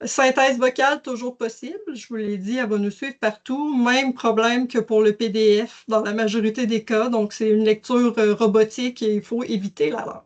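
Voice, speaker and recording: A woman's voice: a little high, fairly even intonation, moderate pace, few pauses, dull audio. A woman presenting a webinar, explaining a digital library in a casual way with many fillers and restarts. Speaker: educational services presenter. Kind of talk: webinar software demonstration.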